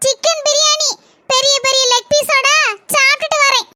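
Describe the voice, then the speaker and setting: A woman voicing a sharp-tongued young wife in a cartoon, scolding with quick comebacks in a Kanyakumari Tamil accent. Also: extremely high pitch, level tone, very noisy. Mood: quarrelsome.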